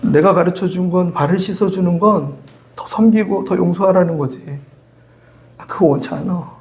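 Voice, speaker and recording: A man's voice: high voice, normal speed. A middle-aged man preaching a sermon as pastor, telling stories animatedly and acting out dialogue with frequent laughs. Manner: animated storytelling, acts out dialogue, laughs often. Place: church sanctuary.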